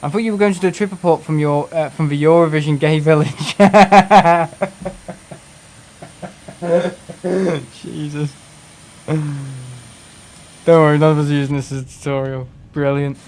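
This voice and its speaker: A young Englishman with a fairly high, darkish, steady voice streams a flight sim at a measured pace, leaving long pauses. He still comes across as chatty and self-mocking, reading the chat aloud and laughing often.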